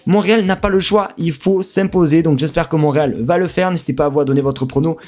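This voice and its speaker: A man's voice: fairly high pitch, fast talker, darkish tone. A man from France with a French accent, casually previewing a football match as a streamer, chatty and hesitant with many fillers.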